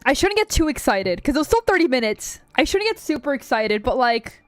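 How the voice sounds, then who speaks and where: Woman streamer, casual chat, reads game story aloud, jokey, excitable, fairly high voice. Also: a little fast, no echo, soft background music.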